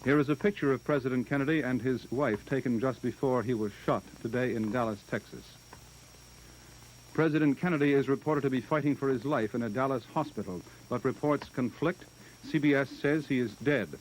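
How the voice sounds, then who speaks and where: Male announcer, old newsreel bulletin, formal and measured, faint hiss. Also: mid-range voice, low-quality recording. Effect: old newsreel broadcast. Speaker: news announcer. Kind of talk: 1960s television news bulletin.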